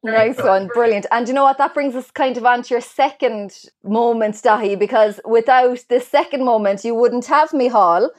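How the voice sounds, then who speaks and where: Female, Irish accent, slightly high pitch. Informal interview host, effusive and conversational, chiming in freely. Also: normal speed, few pauses. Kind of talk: casual chat interview.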